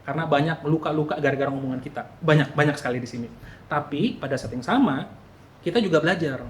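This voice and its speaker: A man preaching a sermon to the congregation, talking to them directly and acting out his inner thoughts in a quiet murmur. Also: a little high, fast talker, slight background noise. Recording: echoey hall with faint ambience.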